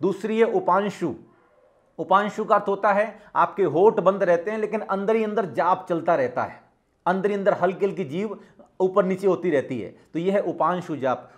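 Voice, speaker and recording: A man giving a spiritual teaching talk, measured and instructive, repeating his key points. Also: high-pitched, animated.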